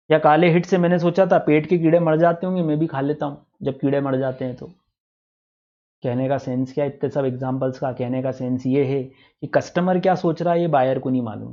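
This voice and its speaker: High-voiced man lecturing a class. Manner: lively, asks the class for quick answers. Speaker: teacher. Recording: dull lo-fi classroom recording.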